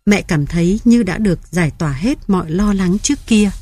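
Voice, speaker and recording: A woman's voice: on the low side, lively intonation, fairly quick, mellow, breathy edge, no echo. A woman narrator voicing a weary, ill elderly mother in an audiobook. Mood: relieved. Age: older. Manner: tired, plain.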